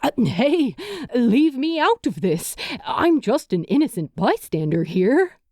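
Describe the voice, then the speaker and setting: A woman's voice: a little high, sing-song, takes it slowly, a little mellow, dry recording, clean studio sound, pitched above the performer's own voice, full character voice. A woman voicing an easygoing, sheepish young man who talks casually in an audiobook.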